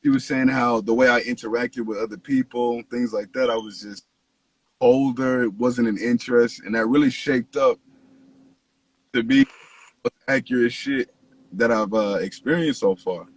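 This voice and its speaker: A man hosting a podcast in a casual, slangy, profanity-laced chat, with a husky voice. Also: medium pitch, steady tone, moderate pace, poor audio. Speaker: podcast host, interviewer.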